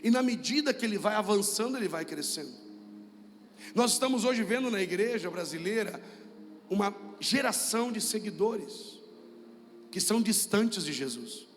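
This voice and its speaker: A man's voice: high voice, expressive, moderate pace, long reverb tail, a little hiss or hum. A man with a Brazilian Portuguese accent preaching a sermon as pastor, emphatic and repetitive, calling on the congregation to repeat after him. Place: church hall with music.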